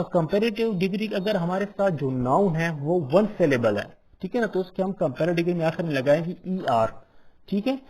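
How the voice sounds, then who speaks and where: Patient man teaching grammar, higher voice. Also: a little hiss or hum, rough recording. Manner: explains patiently, keeps asking "ठीक है ना" as a check, reads English definitions slowly. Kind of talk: classroom-style explanation.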